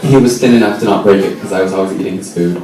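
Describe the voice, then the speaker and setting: A young man in his twenties with an American accent, doing a self-deprecating stand-up set and pausing with ums. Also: sits low, distant mic, a crowd in the background. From Israel. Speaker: stand-up comedian. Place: comedy club. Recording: echoey club recorded from afar, noisy.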